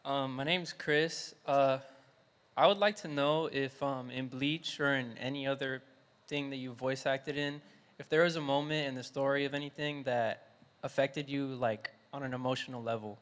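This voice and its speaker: A male fan in the audience asking a shy, halting question. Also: medium pitch, fairly even intonation, a bit bright, clear, resonant tone. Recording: echoey hall, voice from far off.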